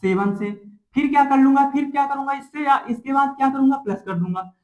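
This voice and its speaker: A man's voice: very high-pitched, fairly quick, poor audio. A man teaching a math lesson to a class, asking questions and answering them himself, repeating each step and checking in often.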